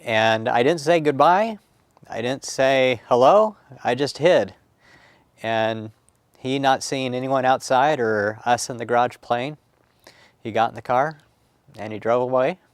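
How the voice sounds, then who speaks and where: A middle-aged man recounting childhood memories in a recorded oral history, reflective and halting with many pauses and fillers. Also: mid-range voice, no room sound. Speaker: family history storyteller.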